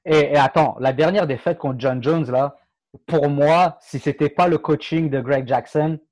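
A man talks casually about combat sports, his voice sitting a little high for a man. He hesitates, restarts and jokes along the way. The recording is close and dry, with no room sound. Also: darkish tone, no room sound. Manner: halting, many fillers and restarts, playful. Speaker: MMA podcast co-host.

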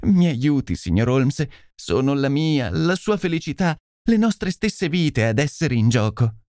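A male reader puts on a young noblewoman in distress, her voice pitched high above his own. She begs and confesses in a breathless, imploring rush, and it is read close to the mic in a dry booth. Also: sing-song, unhurried, a little mellow, no room sound. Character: desperate noblewoman, young, pleading and tearful. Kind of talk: audiobook character voice.

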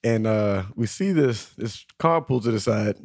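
A man's voice: lowish voice, lively intonation, unhurried, a little mellow, no echo. A man guest on a podcast spins a long story in a loose, rambling way. He keeps stopping to restart his sentences and fills the gaps with "uh" and "like". His voice is close and dry, with no room sound. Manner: rambling, full of fillers and restarts. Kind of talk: casual storytelling.

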